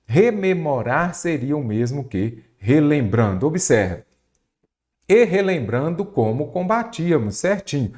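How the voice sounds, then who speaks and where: A man with a Brazilian Portuguese accent and a medium-pitched, slightly mellow voice teaches an exam-prep grammar lesson. He quizzes the listener with rhetorical questions.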